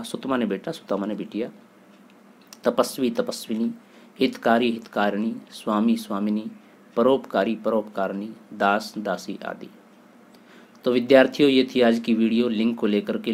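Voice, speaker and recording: A man with a lowish voice and moderate pace teaches students a Hindi grammar lesson. He recites word pairs in a steady, methodical way and explains key points emphatically.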